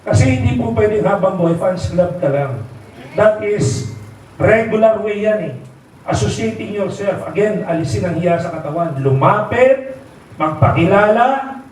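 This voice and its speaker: A middle-aged man with a Filipino accent rallies a seminar crowd, keeps asking "right?" and mimics the voices he quotes. His voice sits high. It reaches the mic from a distance in a very echoey hall, with a little faint noise behind. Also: a little mellow. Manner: rhetorical, keeps asking the audience "di ba?" and "tama?". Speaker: company executive giving a motivational talk. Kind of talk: motivational seminar talk. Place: large hall, live seminar.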